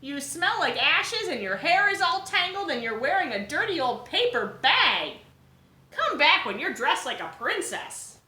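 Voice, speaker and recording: A vain, fussy young prince , as a woman puts him on, who looks down his nose and scolds. The voice is raised and bright, with plenty of ring from the room. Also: sits high, very animated, measured pace, voice pushed up, exaggerated voice. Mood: snooty. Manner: snooty, scolding. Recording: echoey room.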